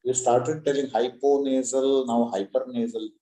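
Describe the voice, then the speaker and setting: A man's voice: medium pitch, steady tone, dark tone, roomy sound, low-quality recording. A man, an examiner questioning a student about a clinical case and correcting her answers. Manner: probing, corrective, asks rapid follow-up questions.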